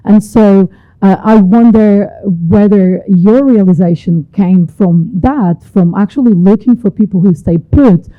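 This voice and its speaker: A woman's voice: medium pitch, no echo, narrow, tinny audio. Polite woman researcher asking a question. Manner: measured, polite, fillers. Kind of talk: audience question at a panel.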